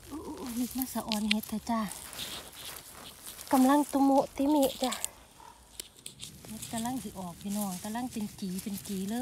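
Isan woman vlogger, fairly high voice, chatty and exclamatory, outdoor noise clearly audible. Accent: Isan (Northeastern Thai). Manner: chatty, calls viewers "brothers and sisters", frequent exclamations. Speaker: vlogger foraging mushrooms. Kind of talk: casual chat to viewers. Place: outdoors in the countryside.

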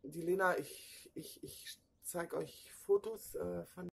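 A middle-aged woman, telling a story casually to her camera at home in an excitable, chatty way, acting out what people said. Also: on the low side, slow pace, vocal fry, a little hiss or hum. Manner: chatty, excitable, acts out dialogue. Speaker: vlogger. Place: at home indoors. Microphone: camera in front.

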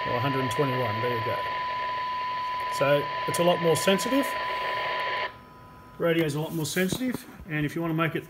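Over loud workshop noise, clicks and test tones, a higher-voiced man demonstrates a repair as a radio repair technician presenter. He explains while he works at an indoor electronics bench, in a noisy recording with clicks.

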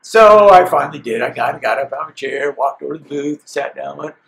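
A man's voice: on the high side, a little fast, creaky, low-quality recording. A middle-aged man from Seattle casually recounting his early years building amps, acting out quoted lines. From Seattle, USA. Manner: relaxed storyteller, acts out his own and others' quoted lines. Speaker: amp builder telling his story. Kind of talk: casual storytelling interview.

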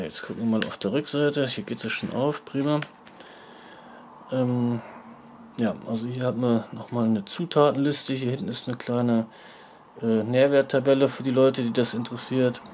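A man's voice: mid-range voice, darkish tone. A man hosting a casual product review vlog, chatting informally from behind the camera. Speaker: host of an online video channel. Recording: faint background noise.

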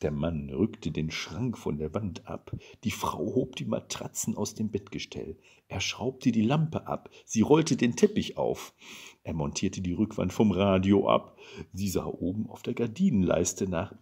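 A man reading aloud a Christmas story in an expressive, animated way. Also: sits low, a little slow, husky.

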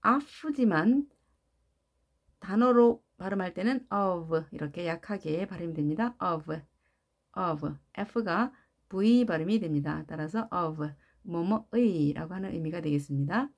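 A woman teaching English pronunciation in a patient classroom manner, repeating each sound clearly for learners. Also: on the low side, lively intonation, a little slow, darkish tone. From Korea. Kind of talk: slow, clear classroom instruction.

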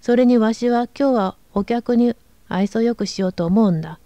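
A woman's voice: on the high side, moderate pace, mellow, dry recording, dull audio, close to an everyday voice. A woman reading aloud, voicing a harsh, domineering middle-aged father who barks orders. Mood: gruff. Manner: gruff, barking orders.

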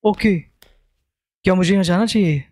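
A man's voice: sits high, moderate pace, a little mellow, dry recording. A young man giving casual commentary while playing a horror game, switching between Hindi and English, jumpy and swearing. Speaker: gaming streamer.

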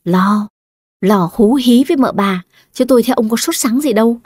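Cutting, jealous first wife, voiced by a husky-toned woman, dry close sound. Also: on the high side, a little mellow, dry recording, close to an everyday voice. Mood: scornful. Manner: cutting, nagging, quick retorts. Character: sharp-tongued scheming older first wife.

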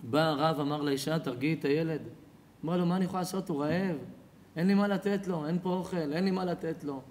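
Male preacher, fairly high voice, dramatic storyteller who drops to hushed tones, faint hiss behind. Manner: dramatic storytelling, swings from loud cries to hushed near-whispers. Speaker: rabbi. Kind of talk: sermon.

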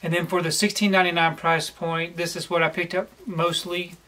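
A collector vlogger in his forties records a casual haul video from a shelf-lined room at home, speaking toward the camera. His voice is fairly high for a man, and his delivery is relaxed and plain with frequent "um" pauses.

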